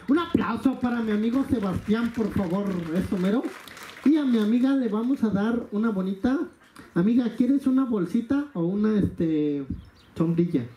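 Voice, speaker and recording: A man's voice: sits high, warm tone. A man hosting a live party as a clown, teasing the audience and joking with guests. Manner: teasing, jokey, calls everyone amigo. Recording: echoey hall with crowd noise.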